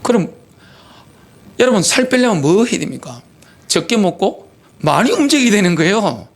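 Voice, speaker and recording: A man's voice: high voice, big pitch swings, normal speed. A middle-aged man, a pastor, preaching a sermon animatedly with many rhetorical questions. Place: church sanctuary.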